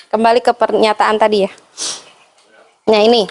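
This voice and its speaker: A woman's voice: medium pitch, level tone, normal speed. A woman teacher with an Indonesian accent presenting a training session to fellow teachers, explaining patiently with frequent fillers and addressing the room politely. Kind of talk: classroom presentation to colleagues.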